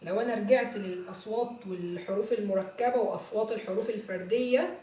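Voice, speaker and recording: A woman with an Egyptian Arabic accent teaching a phonics lesson, sounding out letters slowly and repeating each word. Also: mid-range voice, dark tone. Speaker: English teacher. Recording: echoey room, mic far off.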